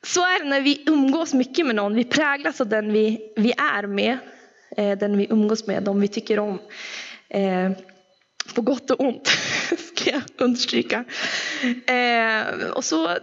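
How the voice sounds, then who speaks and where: A woman with a fairly high, gravelly voice gives an anecdotal sermon in a chatty, filler-heavy way. The sound is dull and carries a long echo of a church hall. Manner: chatty storytelling with frequent fillers. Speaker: preacher.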